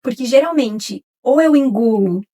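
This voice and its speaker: A woman, co-hosting a casual podcast chat and telling stories in a quick, lively way. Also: on the high side. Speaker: podcast co-host.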